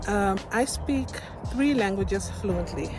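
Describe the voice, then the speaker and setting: A life coach from Suriname, whose first language is Dutch, speaks slowly and in an animated way in her casual, expressive vlog. Her pitch is medium, she's outdoors by a field, and there's background music.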